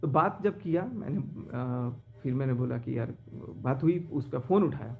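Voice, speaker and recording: A man's voice: medium pitch, lively intonation, unhurried, creaky, phone-quality sound. A man talking in a live stream from his car, aggrieved and pleading as he recounts a betrayal. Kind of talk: emotional live-stream monologue.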